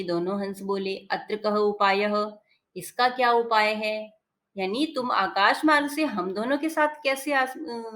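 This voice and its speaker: Female teacher, patient, unhurried explainer of a school text. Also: medium pitch, a bit bright. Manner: patient, repeats each meaning. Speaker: Sanskrit teacher. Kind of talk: explaining a textbook lesson word by word.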